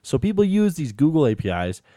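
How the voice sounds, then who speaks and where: An American man with a relaxed, mellow voice co-hosts a casual tech podcast. He talks in an earnest, rambling way, dotted with "you know". The sound is dry, with no room around the voice. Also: a little high, fairly quick, no room sound. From United States. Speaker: podcast co-host.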